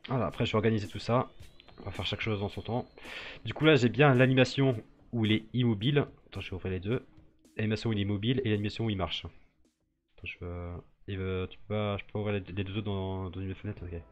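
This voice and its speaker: Low-voiced man thinking aloud on stream. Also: fairly even intonation, quick pace, faint music behind. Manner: thinks aloud, many fillers and restarts. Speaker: streamer building a 3D model live. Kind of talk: casual live-stream commentary.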